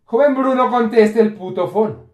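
A man voicing a deferential old butler with a Mexican accent who talks low and mutters. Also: normal speed, phone-quality sound. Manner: low, deferential, swearing under breath. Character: long-suffering old male butler Alfredo, deferential. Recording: roomy home recording.

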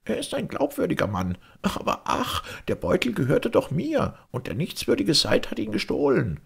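A cringing, lying merchant whines and pleads in a high, quavering voice, as a male audiobook reader puts him on. His gravelly, husky tone cracks upward as he protests. It has the sound of a classic storybook reading. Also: wildly swooping pitch, moderate pace, a bit bright, heavily acted. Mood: whining. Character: whining frightened male merchant, cringing liar.

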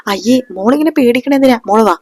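A woman voicing a gentle father who coaxes and reassures his nervous daughter. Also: on the high side, lively intonation, quick pace, no room sound, pitched above the performer's own voice. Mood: coaxing. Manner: coaxing and reassuring.

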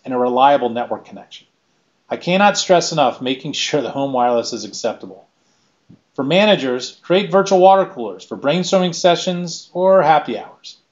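A middle-aged keynote speaker delivers a scripted presentation point by point in a measured way. His voice sits a little high, and the webcam recording from a small room sounds lo-fi.

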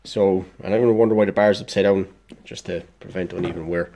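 Gravelly and dark in tone, this DIY vlogger's low voice moves at a quick pace with fairly even intonation, plus a little hiss or hum. Congested and dosed up with illness, he casually explains a DIY fix at his workbench in an indoor workshop, blunt and plain-spoken, swearing occasionally.

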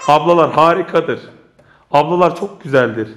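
A hoarse man narrates a casual family vlog at home, laughing and gently coaxing his children along. His voice sits a bit high for a man, and a steady noise hangs under the recording. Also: moderate pace. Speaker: family vlogger filming his kids.

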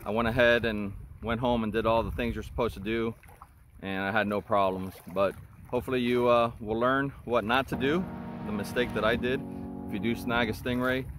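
A blunt, plain-spoken middle-aged man taping his own fishing trip on a riverbank with a body-worn camera. His voice sits at an ordinary pitch. Wind and water noise are clearly heard under it. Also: normal speed. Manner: blunt and plain-spoken, swears freely, then calmly explains to viewers. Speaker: angler and channel host. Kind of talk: casual outdoor vlog talk. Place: outdoors on a river shoreline. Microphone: action camera worn on the body, then camera facing him.

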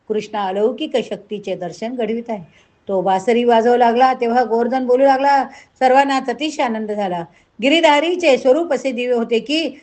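A woman's voice: medium pitch, darkish tone. A woman retelling a devotional scripture story, adding preachy asides to her listeners.

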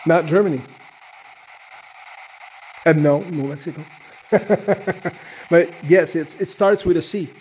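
A man leading a paranormal session with casual, halting questions addressed to spirits, pausing between short phrases. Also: fairly high pitch, darkish tone. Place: inside a large underground cave. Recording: noisy handheld cave recording.

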